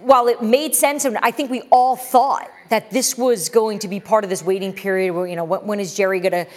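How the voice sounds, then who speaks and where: A woman's voice: medium pitch, steady tone. Woman reporter with a reverberant sound. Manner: fast, repeats words when starting. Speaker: football reporter. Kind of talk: sports news reporting on a talk show. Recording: long reverb.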